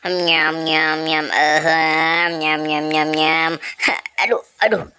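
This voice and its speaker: A woman's voice: low-pitched, flat delivery, drawn-out words, sharp tone, clean tone, pitched below the performer's own voice, exaggerated voice. Woman doing a whiny greedy boy.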